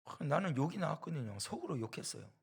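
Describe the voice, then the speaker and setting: A man preaching a sermon in a gravelly, rough-edged voice. He drives points home with repeated phrases and rhetorical questions, slipping into the voices of people in his story. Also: on the high side, very animated, fast talker. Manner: emphatic, rhetorical questions and repetition; storytelling that acts out quoted voices. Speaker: preacher at a church.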